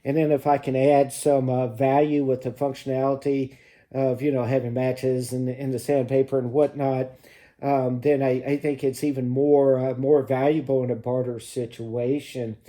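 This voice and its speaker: Halting man with a mellow voice. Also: medium pitch, flat delivery. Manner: halting, pausing often mid-phrase. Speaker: prepping vlog host. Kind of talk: casual demonstration talk to camera.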